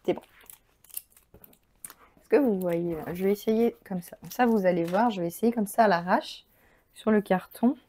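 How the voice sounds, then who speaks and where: Woman host, casual unboxing chat, mellow tone, eager and rambling. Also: mid-range voice, moderate pace, long pauses. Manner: chatty, enthusiastic, thinks aloud with many fillers. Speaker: crafting channel host.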